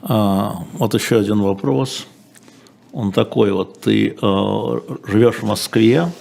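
A man hosts an interview, asking probing questions in a conversational tone. His voice is low and gravelly, with a husky edge. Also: fairly even intonation, slow, a little mellow.

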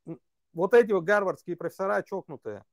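A man's voice: high voice, expressive, fairly quick, vocal fry, no echo, clean studio sound. A man working as a political consultant, answering interview questions in long, reasoned stretches with many fillers.

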